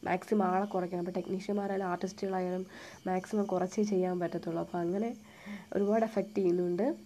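Soft-spoken young woman, Thiruvananthapuram accent. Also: medium pitch. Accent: Thiruvananthapuram Malayalam. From Kerala, India. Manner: soft-spoken, quiet, almost hushed; mixes English words into her talk. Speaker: serial actress answering viewer comments live. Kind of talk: live chat, reading out and answering viewer comments.

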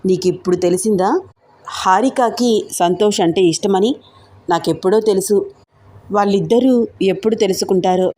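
A woman's voice: medium pitch, moderate pace, pauses often, dark tone, close to an everyday voice. A woman voicing a young woman friend who speaks in a knowing, amused way.

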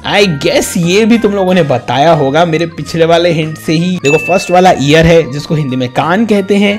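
A man's voice: fairly high pitch, moderate pace, music in the background. A man hosting a casual riddle quiz, chatty and coaxing, talking straight to his viewers like friends. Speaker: YouTube quiz host.

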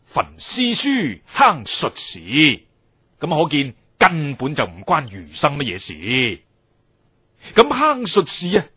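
A husky male pingshu storyteller with a Cantonese accent, pitched a little high and swinging widely in tone. He narrates history expressively, with drawn-out phrases and chatty asides. The recording is dry and somewhat dull, like lo-fi radio. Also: no echo.

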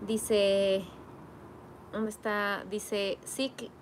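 A woman's voice: mid-range voice, little pitch movement, very slow, slight background noise. Chatty woman teasing her live chat. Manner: teasing, chatty, reads comments aloud. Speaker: live stream host reading chat. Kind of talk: casual live chat reading. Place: home garden workspace.

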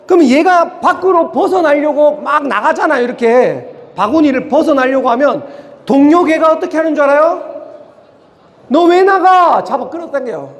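A man giving a motivational talk at a career concert, animated and firing rhetorical questions at the audience. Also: very high voice. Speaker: motivational speaker. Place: lecture hall. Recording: hall with long reverb.

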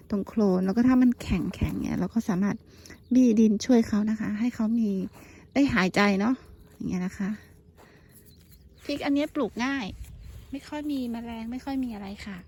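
A woman in her thirties from Thailand, chatting casually to her phone camera as she tends a vegetable field, often breaking into excited exclamations. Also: a little high, slight background noise. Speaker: vlogger. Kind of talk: casual chat while gardening. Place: outdoor vegetable field in rural Japan. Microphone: handheld phone camera.

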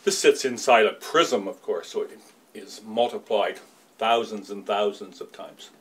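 A Canadian man in his fifties, a lighthouse keeper's son, calmly explaining and reminiscing in a small indoor room. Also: on the low side. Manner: measured, explanatory. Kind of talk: casual demonstration and reminiscence.

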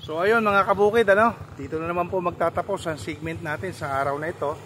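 A man hosting a farming vlog, chatting casually as he walks viewers through farm equipment and often checks in with a quick question tag. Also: on the high side, steady tone, fairly bright tone, slight background noise. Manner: chatty, explains step by step, often tags "no?". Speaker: farming vlogger and host. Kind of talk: casual walk-through commentary.

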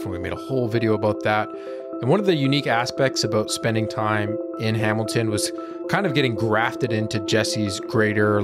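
Vlogger, male, 30s, low voice, relaxed upbeat voice-over, music bed behind. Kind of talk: casual voice-over narration.

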